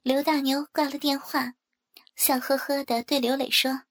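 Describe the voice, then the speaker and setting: A woman narrating a first-person story in a soft, even reading manner. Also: high voice, moderate pace. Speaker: audiobook narrator.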